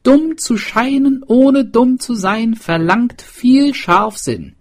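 A man voicing a clever, scheming pig herder from a village, raised and excited. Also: very high-pitched, takes it slowly, pitched above the performer's own voice, full character voice. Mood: eager.

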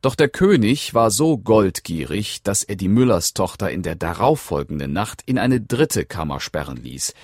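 A man narrating a fairy-tale audiobook in slow, expressive scripted storytelling. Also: sits low, dry recording, clean studio sound.

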